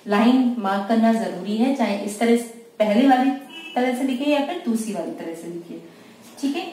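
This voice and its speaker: A woman teaching a shorthand lesson, dictating words slowly one by one and often checking in with her listeners. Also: on the high side, animated, dark tone, distant mic, a little hiss or hum. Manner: slow, word-by-word dictation with frequent "theek hai". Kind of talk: slow dictation-style lesson. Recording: very echoey room, voice off-mic.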